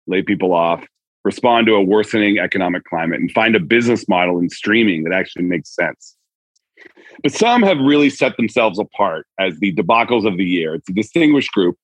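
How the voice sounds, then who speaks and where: A man's voice: fairly low pitch, fairly bright tone, no room sound, rough recording. A man hosting a podcast with conversational industry commentary, recorded on a tablet's built-in microphone rather than studio gear. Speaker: podcast host. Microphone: tablet's built-in microphone, away from studio.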